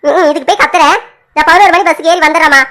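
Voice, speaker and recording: A woman's voice: very high voice, fairly even intonation, rapid-fire, fairly bright tone. An actress playing a young daughter who explains and pleads with her mother in a family drama. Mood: defensive. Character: young daughter, defensive but reassuring.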